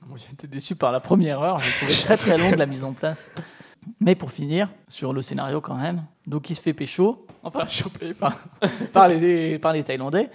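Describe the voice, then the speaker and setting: A man's voice: fairly high pitch, moderate pace. A man talking casually and in a rambling, slangy way in a group film discussion. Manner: rambling, slangy, laughs easily.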